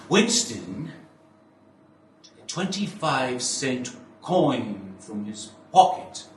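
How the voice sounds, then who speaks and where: A man performing as an ominous theatrical storyteller of a bleak dystopia, emphatic and full of dramatic pauses. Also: mid-range voice, a bit bright, pitched above the performer's own voice. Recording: echoey room, far from microphone.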